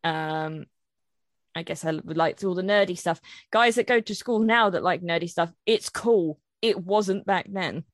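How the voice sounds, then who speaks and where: A woman's voice: lowish voice, measured pace, no echo, studio quality. A young woman chatting candidly on a podcast as a cosplayer guest, laughing easily. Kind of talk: casual podcast chat.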